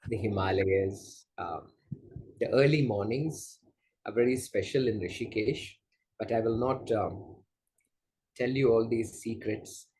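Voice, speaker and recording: Soft-spoken man from Malaysia, unhurried. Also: on the low side, poor audio. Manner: gentle, unhurried, many soft fillers. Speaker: yoga teacher guest. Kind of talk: casual interview conversation.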